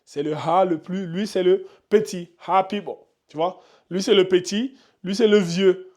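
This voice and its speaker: A fairly high-voiced man whose first language is Pulaar teaches a whiteboard lesson on the Arabic alphabet. He draws each syllable out and says it several times over. Between drills he talks to his learners in a chatty, direct way. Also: a little mellow. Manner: repeats syllables slowly, drawn out.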